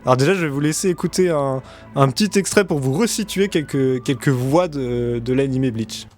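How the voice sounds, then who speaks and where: A man's voice: mid-range voice, fairly quick, darkish tone, soft background music. A man hosting a casual discussion, speaking hesitantly in short bursts. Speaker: show host.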